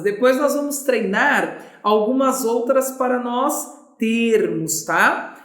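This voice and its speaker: Chatty Brazilian woman teaching grammar. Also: on the high side. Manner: chatty, asks and answers her own questions. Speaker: Portuguese teacher. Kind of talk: online grammar lesson. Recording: echoey room.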